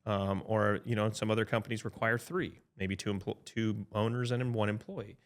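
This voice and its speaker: A man in his fifties with a lowish voice talks through insurance options as an advisor in a loose podcast conversation. He thinks aloud, backs up and restarts, and keeps tossing in "right?" to check that his listener is following. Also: little pitch movement, normal speed. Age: 50s. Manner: chatty, frequent "right?" tag checks and restarts. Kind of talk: casual podcast explanation.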